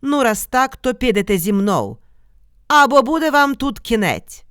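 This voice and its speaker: A woman doing a huge dog-headed ogre from a folk-tale storybook, a menacing male monster who barks out gruff threats. The voice is pitched up high and pushed loud, and it sounds close and dry. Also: big pitch swings, a little slow, no echo. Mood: threatening.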